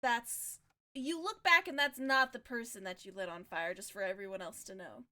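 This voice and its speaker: A woman narrating a tabletop game as game master, laughing often between relaxed narration. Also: mid-range voice, normal speed, crowd noise.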